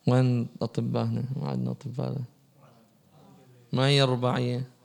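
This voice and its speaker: Gravelly man teaching religion. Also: mid-range voice, flat delivery, fast, a little mellow. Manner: asks the audience questions and answers them. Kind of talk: religious lesson to a class.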